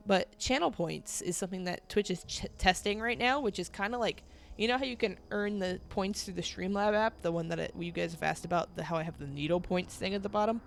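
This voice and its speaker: Her voice sits on the low side and sounds gravelly as she streams a game, chatting loosely with viewers. The young woman is congested from a cold and laughs a lot.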